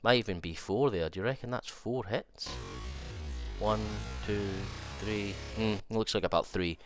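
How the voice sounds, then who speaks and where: A young man with a nasal voice and a cold, excitedly rambling through a fighting game trailer breakdown and thinking aloud with restarts. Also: lowish voice, a little slow, over music. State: has a cold. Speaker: fighting game content creator.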